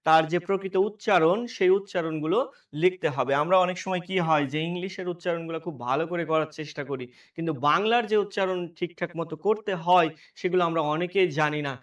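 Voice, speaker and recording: A man's voice: sits high, recorded from a distance. A male teacher giving an exam-prep lesson. He asks questions aloud, answers them himself, and keeps checking that students follow.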